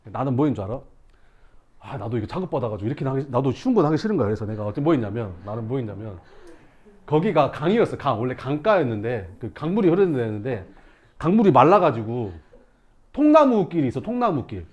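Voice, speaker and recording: A male math teacher telling his students a lively story in class, acting out scenes with shouts and sound effects. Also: medium pitch, fast talker, muffled recording.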